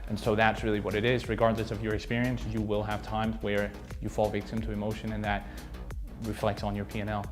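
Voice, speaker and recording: Reflective man, flat intonation, lower voice, for a casual interview answer. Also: fast talker, faint music behind. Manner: reflective, conversational, tag questions like "right?". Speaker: experienced trader.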